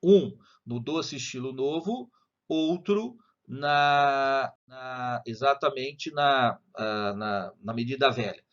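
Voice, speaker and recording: A man's voice: medium pitch, takes it slowly, fairly bright tone, muffled recording. A man with a Brazilian accent teaching a casual video lesson on literature, explaining in a chatty way with frequent tag questions. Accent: Brazilian Portuguese.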